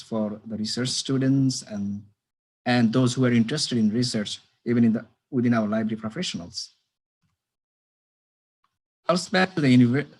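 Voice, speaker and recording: A man from Bangladesh giving an online presentation as a librarian over a video call, halting with many fillers and restarts. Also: medium pitch, breathy edge. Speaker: librarian giving a webinar talk.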